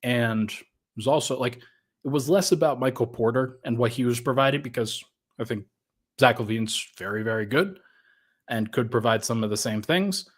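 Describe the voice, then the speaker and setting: A man's voice: mid-range voice, moderate pace. Slightly breathless male sports podcaster. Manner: conversational, thinks aloud with restarts and fillers. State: a little out of breath. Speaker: podcast host. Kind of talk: casual sports talk podcast.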